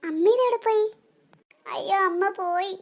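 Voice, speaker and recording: A woman's voice: very high voice, moderate pace. A woman voicing a timid little girl in a cartoon, whiny and fearful. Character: small timid little girl, younger sister.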